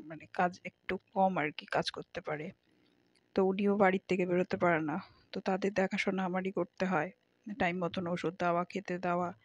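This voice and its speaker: A woman's voice: on the low side, no room sound, dull audio. A middle-aged woman, chatting casually to viewers in a home vlog while doing kitchen chores. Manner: chatty, homely, addresses viewers directly. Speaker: vlogger.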